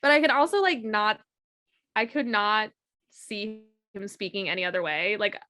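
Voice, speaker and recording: A woman's voice: medium pitch, moderate pace, sharp tone, dry recording, clean studio sound. A young woman co-hosting a film podcast in casual chat, reacting emphatically. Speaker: podcast co-host.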